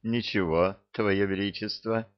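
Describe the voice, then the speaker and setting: A man voicing a young island girl who speaks softly through tears but stays brave. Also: on the low side, expressive, measured pace, lo-fi sound. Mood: tearful. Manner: soft, tearful.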